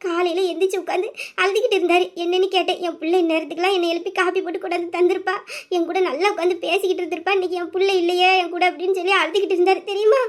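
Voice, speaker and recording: A woman's voice: extremely high pitch, little pitch movement, racing. A woman voicing a loving middle-aged mother who speaks in a heartfelt, homely way about her married daughter. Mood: chiding.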